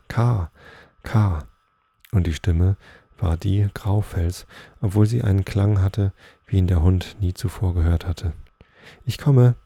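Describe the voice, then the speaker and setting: A man with a low, gravelly, very dark voice reads a bedtime story slowly and calmly. His tone is a little husky. The recording is dry and close. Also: no room sound. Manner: slow, calm reading with occasional slips. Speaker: podcast host and story reader.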